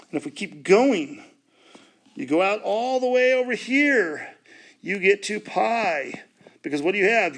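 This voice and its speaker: Gravelly man teaching a math lesson. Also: on the high side. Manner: jokey, rambling, talks while drawing on a board. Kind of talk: recorded video lesson.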